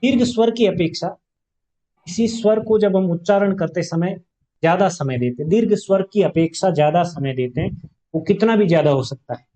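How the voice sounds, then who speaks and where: A man's voice: high voice, lively intonation, moderate pace, mellow. A male Hindi grammar teacher giving a classroom lesson, explaining patiently, asking rhetorical questions and stretching vowels to demonstrate them. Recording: dull, lo-fi classroom recording.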